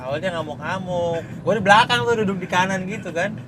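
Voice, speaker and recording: A man's voice: high-pitched, brisk, background noise. A man telling a road story in a casual car podcast chat, acting out what people said. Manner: storytelling, acts out quotes. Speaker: podcast co-host. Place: inside a car.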